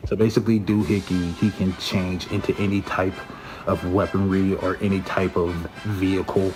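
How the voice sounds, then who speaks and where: A man with a fairly low voice speaks casually and eagerly about his own comic book. His delivery is easygoing and loose, full of fillers. Music plays clearly under his voice. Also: flat delivery, normal speed. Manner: easygoing, filler-heavy, enthusiastic. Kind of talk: casual pitch to camera.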